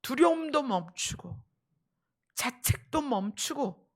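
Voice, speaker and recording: A woman pastor preaching a sermon, swinging between raised emphasis and hushed whispers. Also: high voice, expressive, slow.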